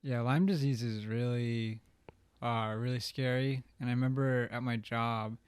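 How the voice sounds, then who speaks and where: A man's voice: mid-range voice, steady tone, unhurried, clean tone, dry recording, studio quality. A man co-hosting a casual podcast, rambling with lots of filler words and casual swearing. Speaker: podcast co-host. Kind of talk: casual chat.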